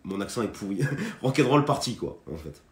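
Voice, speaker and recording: A man's voice: sits low, wildly swooping pitch, normal speed. A man giving a casual live guitar lesson, talking in a hesitant way full of fillers and restarts, and greeting viewers by name. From France. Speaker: guitar teacher on a live stream. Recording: roomy sound with guitar playing.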